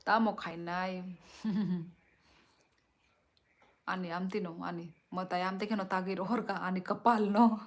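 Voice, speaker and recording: A young woman from Tripura, whose first language is Kokborok, hosts a casual live stream. She reads viewer comments aloud and answers them one by one. Her voice sits a little low, and she talks slowly and calmly. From Tripura, northeast India.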